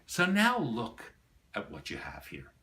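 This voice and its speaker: A man's voice: medium pitch, wildly swooping pitch, unhurried, pushed and bright. A middle-aged man telling a story to a visitor about an item in his collection, acting out the quoted dialogue. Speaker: collector showing his library.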